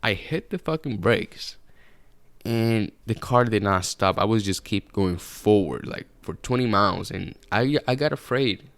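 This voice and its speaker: A man's voice: lowish voice, lively intonation, measured pace, creaky, a bit bright, clean tone, no echo. A man, hosting a solo podcast from his apartment, rambling casually and swearing freely. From Puerto Rico. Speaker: podcast host. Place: apartment room.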